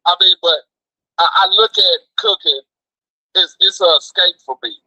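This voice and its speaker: Phoning in as a guest, this food truck cook from America talks in a high voice at a moderate pace, with a sharp edge. He chats and spins stories using slang, emphasis and lots of repetition. The call sounds muffled, with no echo.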